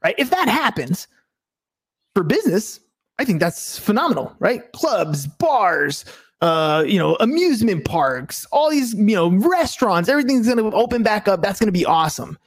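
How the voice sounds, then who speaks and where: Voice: medium pitch, very animated, normal speed, breathy edge. A speaker in a casual debate who talks hesitantly, asking questions and often restarting sentences. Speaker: conversation partner.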